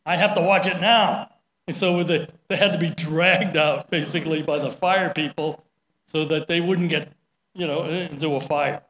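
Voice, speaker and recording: A man's voice: a little high, fairly even intonation, normal speed, a bit bright. A middle-aged man giving a sermon, telling a story in a chatty way with many "right?" asides. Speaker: preacher. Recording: roomy echo.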